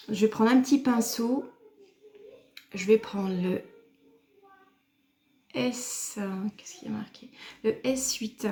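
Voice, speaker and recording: A woman's voice: medium pitch, background noise. A woman from France explaining a makeup look step by step to her viewers, patient and chatty as she talks to camera. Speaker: beauty YouTuber. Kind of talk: makeup tutorial talk to camera.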